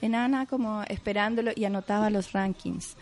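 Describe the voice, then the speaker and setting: Chilean woman guest, mid-pitched, chatty and easygoing, lots of fillers. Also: brisk, a little mellow. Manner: chatty, filler-heavy, laughs easily. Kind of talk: casual interview chat.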